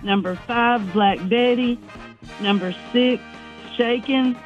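Slow-talking woman on a clipped phone line. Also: on the high side, faint music behind. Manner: counts items off one by one, excited. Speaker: radio contest caller. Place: in her car. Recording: dull lo-fi phone call audio.

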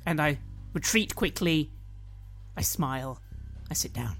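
A woman's voice: sits low, expressive, measured pace, fairly bright tone, faint music behind. Stammering, anxious woman in role-play. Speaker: player.

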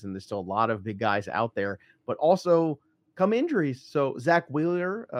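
A man's voice: medium pitch, dry recording. A man hosting a casual podcast chat, leading the questions in a conversational way. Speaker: podcast host.

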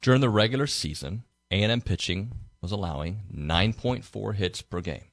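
A man's voice: lowish voice, animated, normal speed, dry recording. A man hosting a casual sports talk radio show from a studio, reading stats and sponsor spots in a playful way. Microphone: studio mic.

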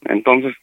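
A man with a Mexican accent making a prank phone call on a radio show, talking in a weary, blunt way as he presses a breakup. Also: dry recording. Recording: muffled radio broadcast audio.

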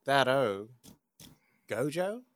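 A man on a movie podcast with a lively, swinging pitch. He mostly reacts with quick exclamations and then signs the episode off. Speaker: podcast co-host. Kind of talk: casual chat, signing off the show.

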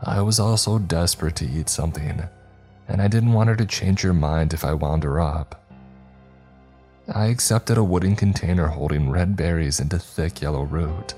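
A man narrating a first-person horror story in a measured, tense way. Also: deep voice, dark tone, faint music behind.

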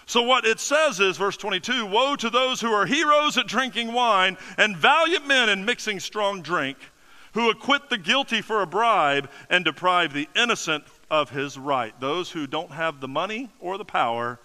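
A male pastor delivering a sermon in an emphatic, questioning style with flashes of humor. His voice sits high and swings widely in pitch, with a sharp, bright edge. The sound carries a long hall reverb. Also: animated, moderate pace.

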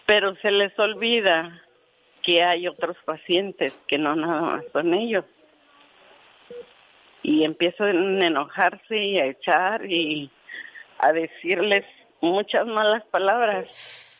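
A woman's voice: fairly low pitch, takes it slowly, long pauses, a bit bright, highs cut off. A woman who once worked as a hospital nurse is a guest on a radio talk show. She tells her story earnestly and vividly, voicing the people in it as she goes. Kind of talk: casual radio chat, telling a story.

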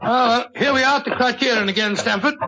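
A detective's hearty companion, a blustering doctor in a vintage radio drama. His voice is very high for a man, and he talks emphatically in an old-fashioned manner. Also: quick pace, pushed and bright, husky, soft background music, heavily acted, poor audio. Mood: jovial, confident. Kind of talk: 1940s radio acting. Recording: old-time radio recording.

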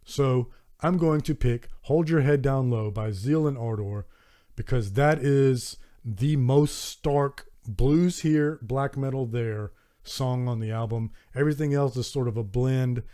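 An earnest man with a Southern American accent hosts a solo podcast, talking casually into a close microphone. His voice is mellow and dark, with an average pitch. He sounds enthusiastic and often restarts his sentences. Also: a little slow. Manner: earnest and enthusiastic, with warm thanks and frequent restarts. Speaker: podcast host.

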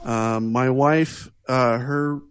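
A man in his thirties from the United States, a guest giving his opinions in casual podcast chat, earnest and halting with fillers. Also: mid-range voice, steady tone, smooth, dry recording. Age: 30s.

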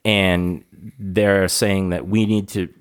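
A man's voice: sits low, level tone, slow, clean tone. A man in casual podcast chat, explaining at length with loose, profane enthusiasm.

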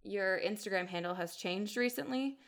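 A woman's voice: mid-range voice, normal speed, a bit bright. A woman co-hosting a podcast in casual chat, chatty and self-mocking and laughing often. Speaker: podcast co-host.

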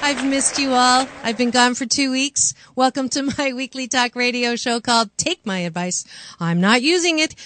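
A woman's voice: on the high side, fairly bright tone, no room sound. A woman hosting a talk radio show in a chatty, exclamatory, casual way. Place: radio studio.

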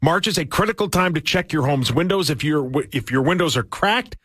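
A man's voice: fairly high pitch, lively intonation, brisk, a bit bright, no room sound. A male radio host reading a live ad in a chatty, conversational way. The sound is dry and close. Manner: conversational, salesy. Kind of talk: casual ad read.

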